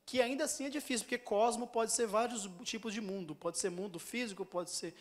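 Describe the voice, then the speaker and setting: A man's voice: sits high, fairly quick. A man with a Brazilian Portuguese accent giving a teaching sermon in a church, talking in a conversational way and explaining with examples and questions to the congregation. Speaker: preacher.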